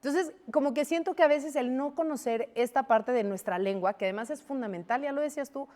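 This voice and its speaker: A Mexican woman in her forties explaining her points in a lively studio debate, full of rhetorical questions. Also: sits high, fairly quick, in a large hall. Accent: Mexican Spanish. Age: 40s. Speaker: guest.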